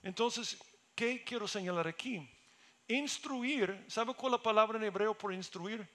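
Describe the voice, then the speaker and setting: A man's voice: high-pitched, measured pace, sharp tone. A middle-aged man preaching a sermon in Spanish as a pastor, earnest and building to emphatic peaks.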